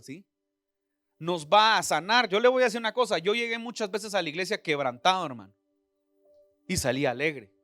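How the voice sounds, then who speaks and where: A man's voice: high-pitched, dry recording, studio quality. A middle-aged man with a Central American Spanish accent preaching a sermon as pastor, talking to the congregation as brothers and asking them questions. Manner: preacherly, addresses listeners as brother, rhetorical questions. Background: soft background music.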